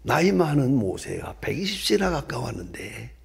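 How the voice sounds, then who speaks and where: Husky gravelly preacher swinging loud to whispery. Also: male voice, mid-range voice, big pitch swings, normal speed. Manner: dramatic swings from loud exclamations to hushed whispers. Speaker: pastor. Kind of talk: sermon.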